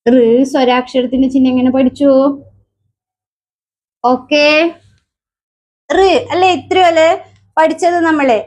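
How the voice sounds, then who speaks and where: High-voiced woman teaching Malayalam letters. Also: a little mellow. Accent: Keralan Malayalam. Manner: asks many questions and answers them herself; slow, drawn-out sounding of letters. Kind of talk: children's alphabet lesson.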